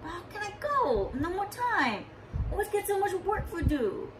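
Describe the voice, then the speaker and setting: Lady putting on a little island boy, pidgin talk, soft and hopeful, way up high. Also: big pitch swings, normal speed, recorded from a distance, noisy background. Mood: wistful. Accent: Hawaiian Pidgin. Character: small eager boy, hardworking and hopeful.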